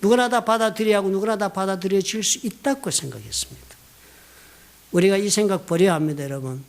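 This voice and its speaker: A middle-aged man from South Korea, a pastor preaching a sermon in a church, telling personal stories with lively emphasis. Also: fast, creaky. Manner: storytelling, animated, rising emphatic pitch, quoting others. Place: church sanctuary.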